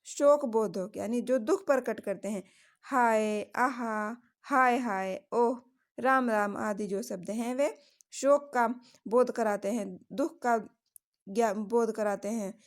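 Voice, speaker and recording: A woman teacher explaining grammar in a steady lesson, giving examples one after another. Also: a little high, slow pace.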